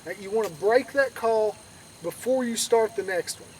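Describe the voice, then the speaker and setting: High-pitched man teaching, outdoors. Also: moderate pace, darkish tone. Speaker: duck calling instructor. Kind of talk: informal outdoor tutorial, conversational teaching. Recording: distant mic outdoors, faint background noise.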